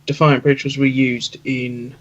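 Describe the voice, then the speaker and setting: A man co-hosting a casual fan podcast, talking in a measured, matter-of-fact way. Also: medium pitch, level tone, a bit bright. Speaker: podcast co-host. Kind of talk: casual chat. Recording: dull lo-fi mic.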